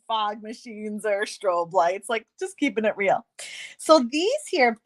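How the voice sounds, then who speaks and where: A woman with a fairly high voice hosts a relaxed card-making tutorial, chatting away and poking fun at herself. She sounds a bit hoarse and stuffed up.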